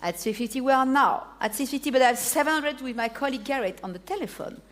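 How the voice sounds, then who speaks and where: A woman with a high voice and a French accent runs a live auction. She calls the bids, repeats each figure and nudges bidders by name. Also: lively intonation, quick pace. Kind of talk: live auction bid-calling.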